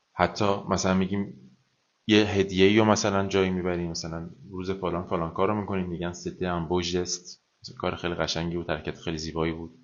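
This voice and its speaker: A French teacher gives a live online vocabulary lesson, chatting in conversational Persian mixed with French and English phrases. He runs slow, careful pronunciation drills, repeating each phrase. His voice sits low, and the audio is dull.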